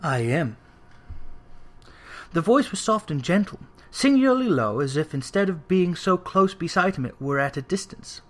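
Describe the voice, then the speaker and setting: An audiobook narrator, a man whose voice sits slightly high, reads classic fiction. He tells the story in a measured, expressive, literary way.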